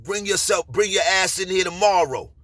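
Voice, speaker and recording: A man's voice: high-pitched, normal speed, no echo, pitched above the performer's own voice. A man with a Bronx accent acting out a hostile male parole officer, barking and repeating himself. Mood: taunting. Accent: New York Bronx. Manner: loud, barking, repetitive.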